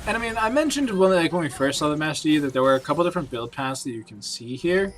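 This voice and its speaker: A man doing play-by-play commentary on a video game match, shooting up loud on big plays. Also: fast talker, crowd noise. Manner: excitable, jumps up in pitch and volume on big plays. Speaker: esports caster.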